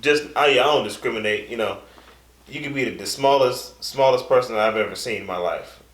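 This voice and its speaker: A man's voice: mid-range voice, a little fast, fairly bright tone. A young man co-hosting a casual fitness chat, talking in a laid-back, loose way with trailing fillers. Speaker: co-host. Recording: echoey room.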